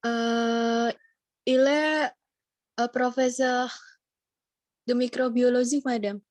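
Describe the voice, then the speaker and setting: A woman student answering a French teacher hesitantly, with many pauses. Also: fairly high pitch, fairly even intonation, a little mellow, dry recording. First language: Indonesian. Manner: hesitant, adds "madame" to answers. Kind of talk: answering in class.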